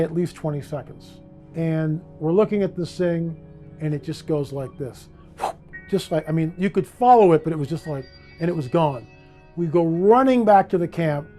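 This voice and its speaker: A man with a fairly high but mellow voice tells a personal story in an animated way. His delivery is vivid and expressive. Quiet music runs underneath. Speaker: interviewee. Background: faint music.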